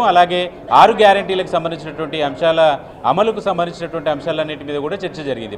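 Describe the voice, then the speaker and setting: A man in his thirties giving a live news report outdoors into a handheld mic, steady, with filler sounds between phrases. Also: on the high side. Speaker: field reporter. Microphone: handheld channel mic.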